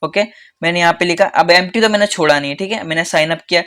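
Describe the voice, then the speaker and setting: A man teaching a casual coding tutorial who talks fast in a chatty way, calls viewers "bhai" and repeats phrases for emphasis. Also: high voice, sharp tone. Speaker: coding instructor.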